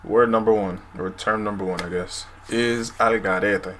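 A man's voice: on the low side, fairly even intonation, moderate pace, fairly bright tone. A man in his twenties explaining words casually to a camera at home. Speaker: language video host. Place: small room at home, indoors. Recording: noisy room recording.

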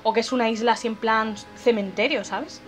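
A young woman from Spain with a Spanish accent, chatting and joking as she plays a game, slightly hoarse from straining her voice. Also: a little high, fairly even intonation, brisk. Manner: chatty, joking, swears casually. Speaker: gamer. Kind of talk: let's play commentary. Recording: voice over game music.

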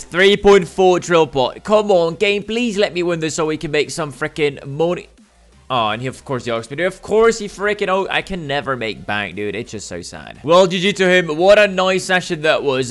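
A young man giving excitable, slangy gameplay commentary while gambling in a game, swearing and swinging between hype and groans. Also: mid-range voice. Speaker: gaming YouTuber.

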